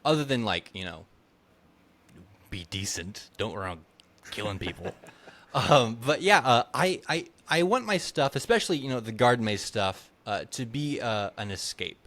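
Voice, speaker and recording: A man's voice: mid-range voice, fairly bright tone. A male author reading his fantasy novel aloud, then answering questions hesitantly with many fillers. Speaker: author, guest. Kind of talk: book reading and interview.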